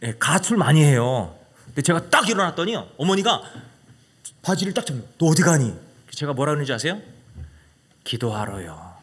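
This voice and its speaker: Lively husky-voiced male pastor preaching. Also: fairly high pitch, fast talker. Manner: animated, swings between loud exclamations and hushed whispers; asks the congregation questions. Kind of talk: sermon with dramatic personal storytelling.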